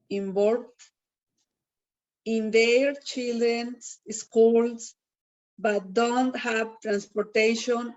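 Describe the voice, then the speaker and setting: A woman learning English speaks slowly and carefully, with pauses between phrases. Her fairly high voice comes through a dull, muffled recording. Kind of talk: prepared personal statement.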